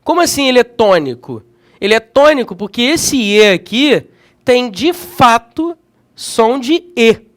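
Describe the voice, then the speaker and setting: A man teaching a grammar lesson for exam preparation, energetic and often checking in with his students. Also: very high voice, unhurried.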